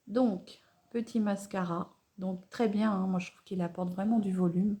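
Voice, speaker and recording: In a steady, dark-toned voice of medium pitch and moderate pace, a beauty vlogger chats her way through a makeup tutorial, narrating each step. She comes across as natural and unpretentious but hesitant, stopping and starting, stammering and correcting herself.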